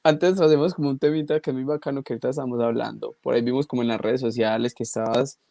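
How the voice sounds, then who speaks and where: A man hosting an interview in a relaxed, slangy way. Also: mid-range voice, quick pace, vocal fry, no echo. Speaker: podcast host. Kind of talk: casual interview chat.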